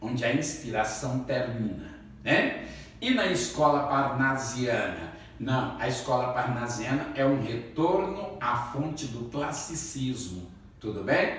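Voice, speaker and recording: A male literature teacher giving a classroom lecture, asking the class questions and then answering them himself, and calling his students "my children". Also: mid-range voice. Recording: very echoey room, voice from far off.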